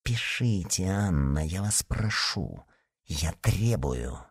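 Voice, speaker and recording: Man playing a cowardly old cardinal, fretful, pleading, lively pitch, dry sound, storybook. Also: takes it slowly, husky, dry recording, exaggerated voice. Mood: hushed.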